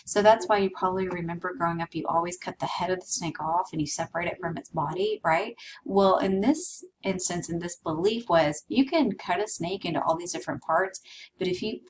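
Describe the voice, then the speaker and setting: A woman's voice: fairly low pitch, fairly quick, distant mic, noisy background. A woman teaching a history class in a conversational way, with asides to her students. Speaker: history instructor. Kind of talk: recorded lecture.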